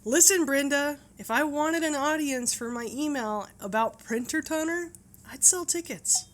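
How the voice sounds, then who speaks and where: A woman's voice: sits high, unhurried, slight background noise, pitched above the performer's own voice. A woman playing a sarcastic, exasperated bystander griping in a comedy parody.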